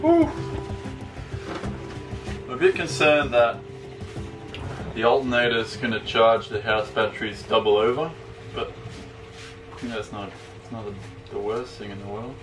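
A man's voice: medium pitch, measured pace, pauses often, over music. A man chatting casually on a sailing vlog, explaining what he is doing as he works. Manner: relaxed, chatty, explains while working. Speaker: sailing vlogger.

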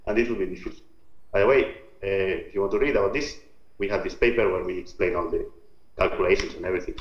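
A man from Spain's Basque Country with a Basque Spanish accent, giving an informal scientific lecture in a halting, step-by-step explanatory way. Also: fairly low pitch. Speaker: researcher presenting own work. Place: remote talk over video call. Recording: muffled, roomy video-call audio.

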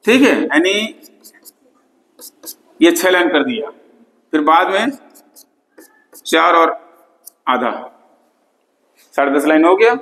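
Lecturer in a reverberant classroom. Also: male voice, a little high, animated, slow pace, creaky, pauses often, fairly bright tone. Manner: repeats key terms, frequent "theek hai" checks. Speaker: English literature lecturer. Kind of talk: classroom lecture mixing Hindi and English. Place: classroom with board.

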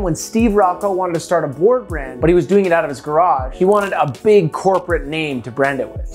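A woman's voice: lowish voice, darkish tone. A woman with a Canadian accent hosting a playful, jokey scripted list narration. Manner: playful, jokey, laughs at own slips. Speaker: host.

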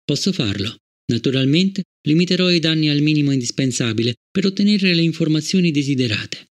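A man reading an audiobook, voicing a cold, relentless male guard robot with a flat, formal manner. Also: a little high, a little fast. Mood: stern. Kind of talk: audiobook character voice.

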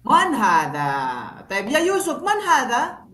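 A woman's voice: high-pitched, huge pitch swings, pushed and bright. Patient woman quizzing pupils, echoey room. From Philippines. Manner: patient, quizzing, drills words slowly. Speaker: parent teaching her children. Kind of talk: home language lesson.

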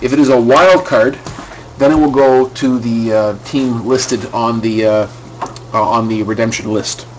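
A man's voice: medium pitch, steady tone, a little slow, rough recording. A man hosting a live card break at his home desk, talking casually and rambling with fillers and restarts.

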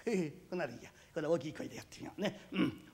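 In a rakugo storytelling rehearsal, a man plays a naive young master turned peddler with an Edo Tokyo accent, muttering to himself and stammering through long, drawn-out vendor cries. His voice is on the high side, animated and a little mellow, pushed down and lightly acted.

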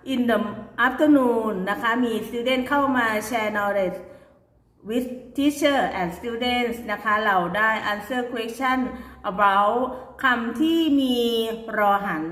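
Woman teacher, slow, deliberate delivery, crisp bright voice, echoey room. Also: a little high. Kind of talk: recorded classroom lesson.

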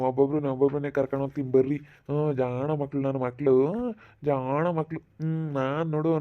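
A man's voice: medium pitch, lo-fi sound, close to an everyday voice. A man from playing a boastful male night thief who coaxes and drawls his words in a singsong way. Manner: singsong, coaxing, drawn-out. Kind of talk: village skit acting.

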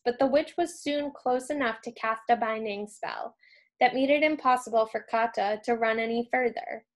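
A childcare staff member, a woman, reading a storybook aloud in an expressive storytelling manner. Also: fairly high pitch.

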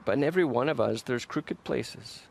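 A man's voice: mid-range voice, expressive, normal speed, creaky, slight background noise. A man in an ordinary mid-range voice preaches a sermon with earnest emphasis. He leans into repeated phrases and restarts sentences as he builds his point. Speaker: pastor. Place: church.

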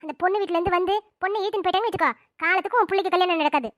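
Cartoon VO: very high-pitched, rapid woman playing village mothers, scolding and melodramatic. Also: dry recording. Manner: quick, scolding, dramatic wailing. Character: middle-aged village women, mothers and grandmother. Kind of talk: Tamil cartoon voice acting.

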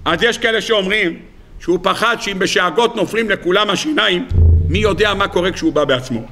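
A man preaching a Torah sermon as a rabbi, telling the story with animated rhetorical questions. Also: sits high. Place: lecture hall.

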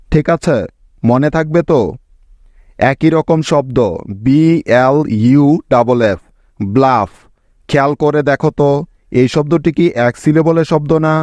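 Man, middle pitch, spelling teacher, patient step-by-step explaining, frequent check-in questions, dry close recording. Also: darkish tone, no echo. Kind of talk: scripted lesson narration.

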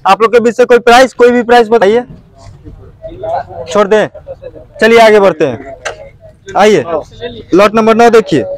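At a moderate pace with long pauses, a man whose voice sits high keeps calling bids at an outdoor motorbike auction. He chants prices across a lot filled with parked motorbikes.

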